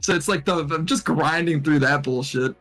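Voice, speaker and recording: A young man with a slightly high voice hosts in a loose, blunt way, cursing casually. Faint music sits under the chat. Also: normal speed, a bit bright. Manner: laid-back, profane, blunt. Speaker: radio show host.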